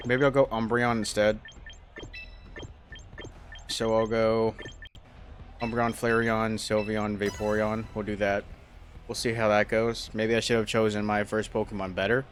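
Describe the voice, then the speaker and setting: Man, young adult, gameplay commentary, slow-paced, lowish voice, self-deprecating, thinking aloud, faint music behind. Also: flat delivery. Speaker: gaming YouTuber.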